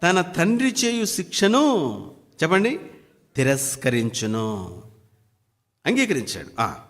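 Animated preacher man, long echo. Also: on the high side, takes it slowly. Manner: fires repeated rhetorical questions. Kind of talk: daily devotional sermon.

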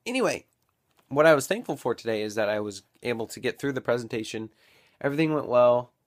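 A young man vlogging casually at home, rambling and thinking out loud into a built-in camera mic. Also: medium pitch, expressive, fast. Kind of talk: casual daily vlog.

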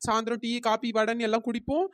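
A woman's voice: fairly high pitch, fairly even intonation, no room sound, natural voice. A woman voicing a chatty, cheeky young village woman in a cartoon, arguing back. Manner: rapid, argumentative, talks back. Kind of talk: cartoon dialogue.

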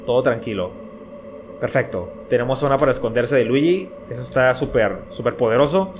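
A man's voice: mid-range voice, animated, a little fast, background noise. A young man giving jumpy, panicky let's-play commentary to his viewers. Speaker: gaming YouTuber. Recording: music playing behind.

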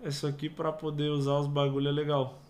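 Slangy young Brazilian gamer. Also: male voice, fairly high pitch, completely flat delivery, a little fast, darkish tone. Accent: Brazilian Portuguese. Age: young adult. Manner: casual, slangy, swears, mumbles while reading. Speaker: gaming youtuber. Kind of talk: let's play commentary. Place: small room indoors. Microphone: headset.

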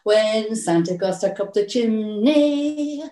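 A woman's voice: fairly high pitch, animated, slow, warm tone. Cheery woman singing to kids in a roomy space. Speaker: children's singing session leader. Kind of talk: singing and speaking to children.

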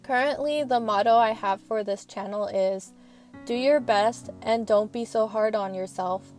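A young woman student records a casual, rambling voice-over from her parked car. She talks in an earnest, frank way, her voice sitting a little high. Gentle music plays quietly under her. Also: unhurried. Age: young adult. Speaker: student vlogger.

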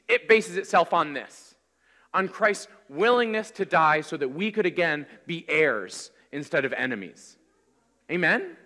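A man in his thirties preaches from the pulpit of a large church, talking in a conversational, energetic way. His voice sits high and sounds bright and forceful. It rings out with a long hall reverb. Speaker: pastor. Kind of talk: sermon.

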